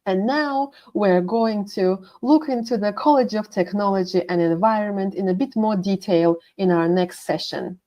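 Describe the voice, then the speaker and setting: A woman's voice: medium pitch, moderate pace, hardly any pauses, warm tone. A woman working as a university international manager, giving a scripted presentation and methodically listing course names.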